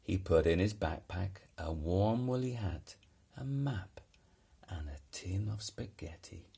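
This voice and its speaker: Male storybook narrator: low, gravelly voice, unhurried and dramatic delivery. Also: animated, dark tone. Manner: dramatic, deliberate. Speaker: storybook reader. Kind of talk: expressive read-aloud children's narration.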